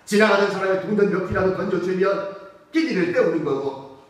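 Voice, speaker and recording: High-voiced male pastor in an echoey hall. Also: brisk. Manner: emphatic preaching with rhetorical questions to the congregation. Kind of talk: sermon. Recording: echoey church hall from far off.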